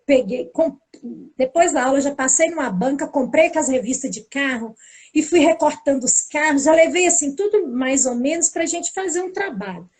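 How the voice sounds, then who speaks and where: A woman teacher, casually telling a lively anecdote about a school day and acting out what people said. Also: high voice. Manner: lively storytelling, acting out the dialogue. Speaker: teacher and pedagogical coordinator.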